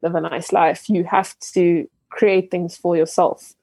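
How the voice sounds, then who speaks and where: A woman's voice: on the low side, flat delivery, measured pace, gravelly, dark tone, slightly rough, no room sound. A young adult woman from Ghana, a business founder, talking reflectively in an interview with many fillers and restarts. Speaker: entrepreneur guest. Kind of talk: interview conversation.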